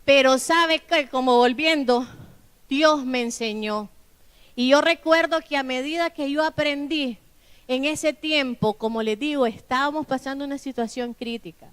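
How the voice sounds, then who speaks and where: High-voiced woman preaching. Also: unhurried, fairly bright tone. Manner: storytelling with acted-out dialogue. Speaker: pastor. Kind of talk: sermon testimony.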